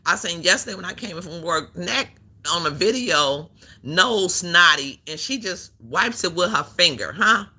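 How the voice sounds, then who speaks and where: A live-stream host who talks in bright, husky bursts with a lively, swooping pitch. They repeat lines over and over, call people out, and answer back to a video playing in the background. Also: normal speed. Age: adult who works a job. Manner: animated, repeats phrases, calls people out. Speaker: livestream host. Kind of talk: casual live-stream commentary.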